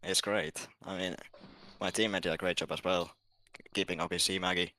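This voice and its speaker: A man giving brief, low-key answers as a winning sim racer in a casual post-race interview. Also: flat delivery, fairly quick, pushed and bright.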